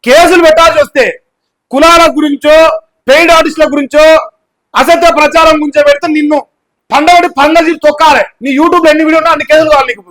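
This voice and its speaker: Very high-pitched, furious Telangana man. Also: fairly even intonation, fast talker, low-quality recording. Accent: Telangana Telugu. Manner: heated, abusive, shouting insults. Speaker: YouTube news channel journalist. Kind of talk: angry political rant.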